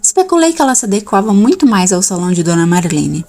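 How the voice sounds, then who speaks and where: Woman audiobook narrator, low gravelly voice, faint music underneath. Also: fast. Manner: steady first-person storytelling.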